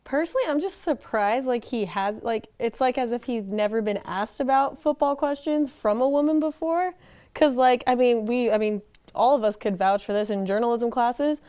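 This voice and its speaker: Smooth-voiced young woman on a panel. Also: fairly high pitch, moderate pace, warm tone. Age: young adult. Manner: chatty, frequent fillers. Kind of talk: casual panel discussion.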